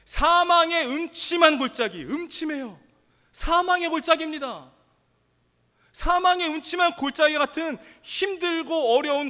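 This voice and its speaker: A man's voice: extremely high pitch, pushed and bright. A man pastor preaching a sermon, pressing his points home with emphatic repetition, in a church sanctuary. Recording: long reverb of a church hall.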